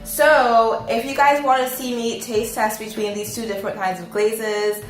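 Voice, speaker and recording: A woman's voice: a little high, steady tone, moderate pace. Woman, casual vlog, enthusiastic, chatty, roomy echo. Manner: chatty, enthusiastic, filler-heavy. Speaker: recipe vlogger. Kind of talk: casual taste-test vlog. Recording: roomy echo, faint music behind.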